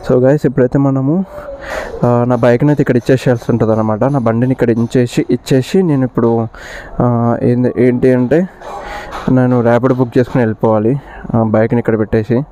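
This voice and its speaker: A man with a Telangana Telugu accent chats casually in a motovlogging clip, sprinkling English words into his talk. His medium-pitched voice is warm and fairly even, and he speaks fairly quickly. Faint vehicle and ambient noise sit behind him.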